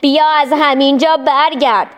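A woman's voice: sits high, steady tone, pitched above the performer's own voice, close to an everyday voice. A woman voicing a scheming, mocking male devil in a storybook reading, drawn out and taunting. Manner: taunting, drawn-out, with sneering laughs.

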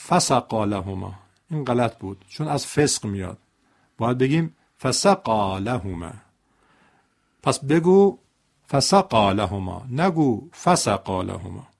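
A man's voice: a little high, creaky, a little mellow. A man teaching Quran recitation, correcting and demonstrating pronunciation by repeating examples. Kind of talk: recitation lesson dialogue.

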